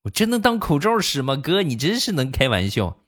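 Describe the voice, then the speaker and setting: A man doing a skeptical young woman in a comic story. She answers in a high, teasing voice full of disbelief. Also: sing-song, fairly quick, fairly bright tone. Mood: incredulous. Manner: doubtful, teasing.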